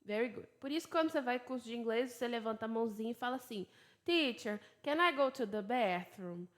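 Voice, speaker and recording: A Brazilian woman teaching English online from her laptop, with American-leaning English and Portuguese as her first language. She drills words slowly, then explains in quick, chatty Portuguese and laughs at her own slips. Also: a little high, animated, a bit bright.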